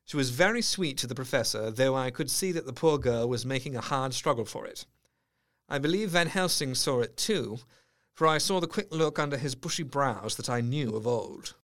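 An actor playing an earnest young doctor, reading letters and diary entries in a measured way. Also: male voice, medium pitch, lively intonation, a bit bright, lightly acted.

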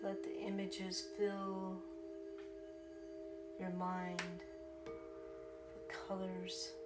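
A woman leading a guided meditation in a soothing manner, speaking in short phrases with long pauses between them. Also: medium pitch, completely flat delivery, echoey room, over loud music. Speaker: podcast host and meditation guide. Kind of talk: guided meditation over sound healing. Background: singing bowls, chimes and ringing tones.

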